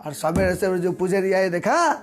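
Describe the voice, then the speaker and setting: A male preacher telling a devotional story to a congregation, animated and repeating phrases. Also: sits high, normal speed. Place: congregation gathering.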